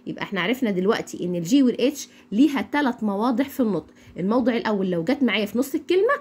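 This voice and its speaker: Egyptian woman teaching phonics, lively voice. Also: on the high side, slightly rough. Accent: Egyptian Arabic. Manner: repeats words slowly for learners to echo. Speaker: English teacher. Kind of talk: phonics lesson.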